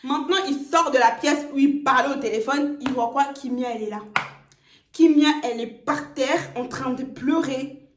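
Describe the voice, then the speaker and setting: A woman from Congo narrating a storytime vlog with expressive, indignant asides. Her voice sits high. It rings with a roomy echo. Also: normal speed, background noise. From Congo (DRC). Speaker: storytelling vlogger.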